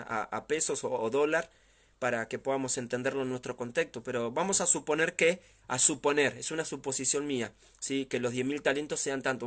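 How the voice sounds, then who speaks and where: A man with an Argentine accent, a pastor giving a Bible study sermon, explaining step by step and often checking in with his listeners, with dramatic swings in loudness as he retells a story. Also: a little high. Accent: Argentine Spanish.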